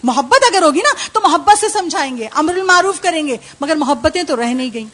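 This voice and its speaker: Woman giving a fervent majlis sermon, high voice, asks the crowd questions a lot. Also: lively intonation, fairly bright tone. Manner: impassioned preaching with rhetorical questions and acted household voices. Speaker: female religious speaker (zakira) at a majlis.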